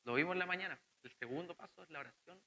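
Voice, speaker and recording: A man's voice: fairly high pitch, rapid-fire, bright, forceful tone, poor audio. A young man with a Chilean Spanish accent preaching a sermon, earnest and conversational, asking the congregation questions.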